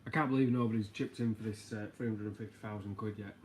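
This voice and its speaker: A man's voice: lowish voice, fairly even intonation, quick pace, darkish tone, a little hiss or hum. Rambling man on a livestream. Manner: rambling, jokey, reads out viewer comments. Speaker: livestream host. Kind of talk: casual live chat.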